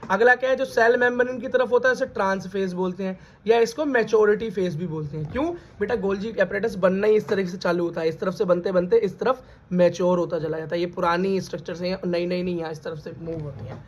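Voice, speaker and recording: Heard on a dull, lo-fi recording, a man gives a biology class lecture in a high voice with fairly even intonation and a fairly quick pace. He asks his students questions, repeats their replies, and calls them "beta."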